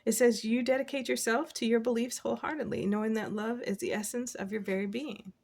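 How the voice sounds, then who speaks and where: Woman tarot reader, higher breathy voice, upbeat and chatty, encouraging tone. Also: fairly even intonation, fairly quick, a little mellow. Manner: encouraging, chatty, laughs often. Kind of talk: casual tarot reading. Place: at a desk.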